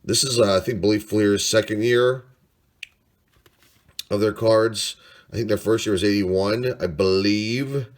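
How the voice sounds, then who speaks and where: A sports card collector in his forties, congested and stuffy-voiced from a sinus cold, rambles casually through old finds in a show-and-tell vlog, thinking aloud with plenty of fillers. His voice sits on the low side, with a steady tone, a slightly slow pace, and long pauses.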